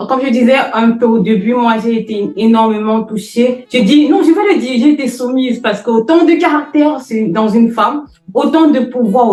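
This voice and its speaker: A woman hosts an emphatic podcast introduction and interview, speaking effusively and repeating phrases for effect. Her voice is a little high with a darkish tone, and the room sounds echoey.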